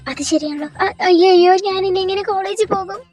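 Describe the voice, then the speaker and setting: A cheeky young college girl, voiced by a woman, who talks in a very high, girlish voice. She pleads and chatters dramatically in a fan-made audio story. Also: fast, a little mellow, dull audio, faint music behind. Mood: pleading.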